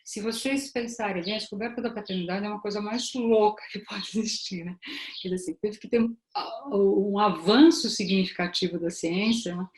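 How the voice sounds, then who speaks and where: A woman's voice: mid-range voice, reverberant. A woman with a Brazilian Portuguese accent, a therapist giving an informal live-stream talk. She speaks conversationally, often adds tag questions and addresses her viewers directly.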